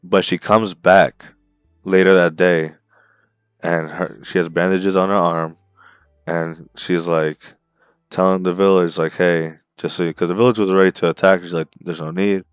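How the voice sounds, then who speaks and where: Podcast co-host, male, deep voice, dry close sound, animated storyteller. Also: moderate pace, smooth, no room sound, lo-fi sound, faint music behind. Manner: animated storytelling, retells scenes with quoted lines. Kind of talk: casual chat.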